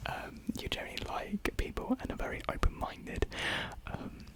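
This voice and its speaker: A young adult, whispering breathily near the microphone, works through viewer comments in an easygoing ASMR chat. The pace is moderate, with hesitant, rambling answers and self-deprecating remarks.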